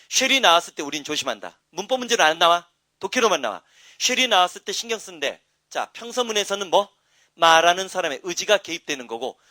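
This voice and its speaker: A man teaching an English grammar class, chatty and wandering into asides, then loud and emphatic when he explains the rules. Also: high voice, no room sound. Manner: rambling, chatty asides with frequent "응?" checks. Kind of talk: classroom lecture.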